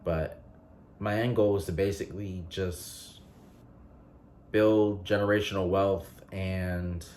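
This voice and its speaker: Male vlogger, late twenties, very low voice, casual filler-heavy chat, faint background hum. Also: takes it slowly, pauses often. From North Carolina. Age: 20s. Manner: relaxed rambling with frequent fillers and restarts.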